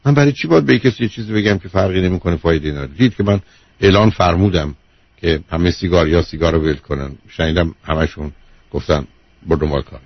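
A man's voice: sits low, animated, dry recording. A man who is a doctor, hosting a call-in radio advice show, lecturing emphatically and repeating his key points. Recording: dull lo-fi radio broadcast.

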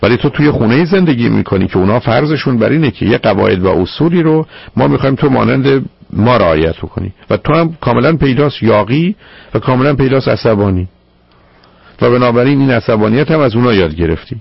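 A man's voice: mid-range voice, animated, gravelly, husky, dry recording, muffled recording. A man hosting a radio call-in show as a psychologist, probing and lecturing his caller firmly. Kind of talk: call-in advice counseling.

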